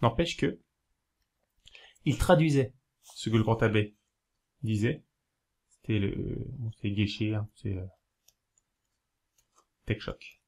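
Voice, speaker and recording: A man talking casually to camera, giving practical tips in a rambling, hesitant way, with many fillers and self-corrections, slowing down to spell things out. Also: on the low side, lively intonation, vocal fry, darkish tone. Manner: explains slowly, spelling things out while writing. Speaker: video host giving learning tips.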